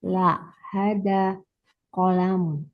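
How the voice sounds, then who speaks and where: A woman student giving soft, brief, polite answers in an online lesson. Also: lowish voice, flat delivery, very slow, dull audio.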